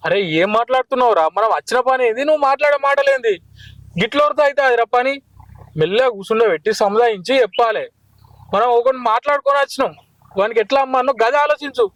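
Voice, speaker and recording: An actor playing a worried friend with a Telangana Telugu accent who urges the son to calm down. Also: male voice, very high voice, fast, dry recording. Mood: urging. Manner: pleading, cautioning. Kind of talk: village short film acting.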